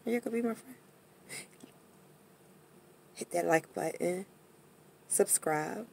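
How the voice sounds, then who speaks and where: An American woman with a husky, gravelly voice, rambling drunkenly and bluntly in a casual rant to her viewers, with some swearing. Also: medium pitch, slow pace, mellow, a little hiss or hum. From Pennsylvania, United States. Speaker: vlogger.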